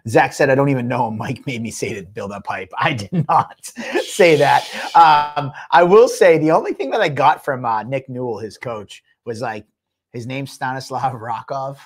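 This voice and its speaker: A man's voice: medium pitch, moderate pace, husky. A man co-hosting a fight-promotion podcast, talking casually and rambling through fighter background stories, often laughing.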